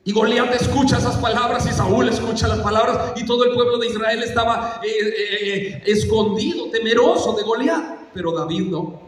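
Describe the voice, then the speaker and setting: A man preaching with animated storytelling, drawing his congregation into the tale. His voice sits high and bright for a man. It is picked up from afar in a big, reverberant church hall. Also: moderate pace. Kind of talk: sermon. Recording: echoey church hall, mic far off.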